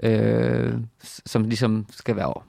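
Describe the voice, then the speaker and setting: A man hosting an interview in a hesitant, reflective way, often pausing to search for words. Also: lowish voice, level tone, creaky, warm tone, no room sound, studio quality. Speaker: podcast host and author.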